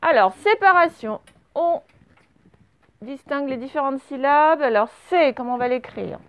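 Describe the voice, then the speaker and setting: A woman's voice: sits high, expressive, normal speed. A woman teaching a children's dictation, stretching each word and spelling it out syllable by syllable. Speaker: primary school teacher.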